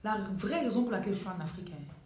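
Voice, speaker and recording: A woman's voice: mid-range voice, expressive, very fast, darkish tone, reverberant. A woman with a Cameroonian French accent, a life coach giving a live-streamed motivational talk from her home. She speaks emphatically and repeats key phrases for effect.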